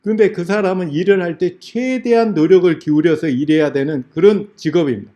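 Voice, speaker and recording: Korean church elder guy lecturing, bit high voice but dark and mellow, keeps asking the crowd stuff. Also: fairly quick. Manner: storytelling, acts out dialogues in a raised voice; direct questions to the audience. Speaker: lay elder lecturer at a revival meeting. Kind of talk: sermon lecture.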